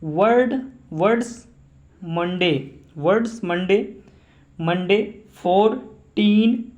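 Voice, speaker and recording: Male grammar teacher, high voice, slow, repeats definitions, self-questioning. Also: highs cut off. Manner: repeats each definition slowly, asks and answers his own questions. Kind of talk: classroom-style grammar lesson.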